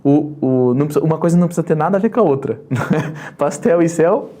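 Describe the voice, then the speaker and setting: A podcast host who talks about children and poetry in a halting, conversational way and leads the guest with questions. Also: medium pitch, lively intonation, dark tone. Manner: hesitant, many fillers and restarts, asks guided questions.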